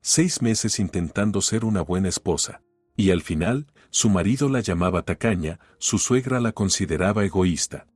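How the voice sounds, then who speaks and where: A man narrating a family drama in an even, steady audiobook story reading. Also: low voice, normal speed, slightly rough, dry recording, faint music behind.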